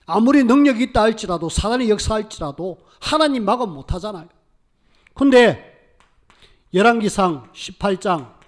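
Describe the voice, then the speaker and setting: High-voiced preaching pastor, emphatic. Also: male voice. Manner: emphatic preaching, acting out prayers of biblical figures. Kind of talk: sermon.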